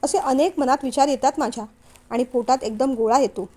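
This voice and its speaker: A woman's voice: high voice, fairly quick, mellow. A woman reading a frank young woman's worried lines in a family novel. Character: young woman, outspoken, anxious bride-to-be.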